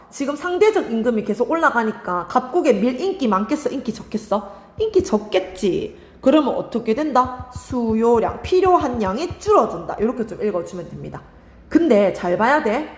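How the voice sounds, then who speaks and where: A woman's voice: on the high side, reverberant. A young woman teaching an exam-prep lesson, asking her students questions and answering them herself. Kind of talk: online exam-prep lecture.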